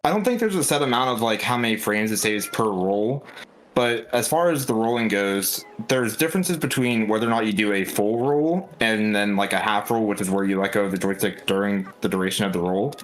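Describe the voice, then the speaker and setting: A man's voice: fairly low pitch, animated, brisk, a little hiss or hum. A man speedrunning and explaining his route in precise, technical terms with a dry, sarcastic edge. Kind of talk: casual explanatory commentary.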